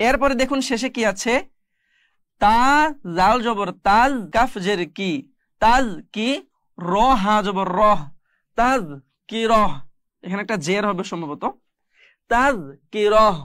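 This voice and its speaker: A woman teaching Quran reading, slowly spelling out letters and vowel marks and repeating each syllable. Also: mid-range voice, a bit bright, no echo, clean studio sound. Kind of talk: step-by-step recitation lesson.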